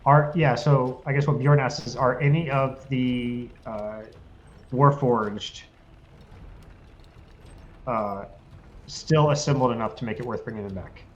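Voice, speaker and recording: A man in a casual online game chat who relays questions quickly and repeats himself when cut off. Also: mid-range voice, steady tone, muffled recording. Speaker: tabletop game player. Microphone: video call.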